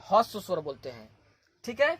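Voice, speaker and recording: A woman from India teaching a grammar lesson, explaining slowly, repeating terms and asking questions that she then answers herself. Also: medium pitch, sing-song, breathy edge, dry recording.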